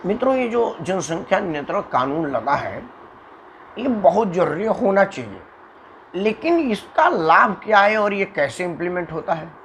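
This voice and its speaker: A man from Uttar Pradesh delivers a long political monologue straight to his viewers, hammering points home with repetition and sudden shifts in intonation. His voice sits a little high for a man. A faint background noise runs under the recording. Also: big pitch swings, moderate pace, fairly bright tone, low-quality recording. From Uttar Pradesh, India. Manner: emphatic, repetitive, demonstrates intonation with dramatic shifts. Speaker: political commentator. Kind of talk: monologue to camera.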